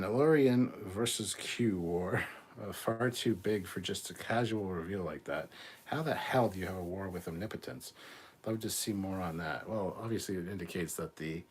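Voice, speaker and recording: A man hosting a live stream, reading viewer comments aloud and answering them in a relaxed, chatty way. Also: lowish voice, husky. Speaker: host of a live fan show.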